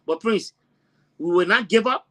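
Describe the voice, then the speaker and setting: High-pitched man panelist, emphatic commentary. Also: moderate pace, a bit bright. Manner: emphatic, repeats words while searching. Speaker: panelist, college teacher.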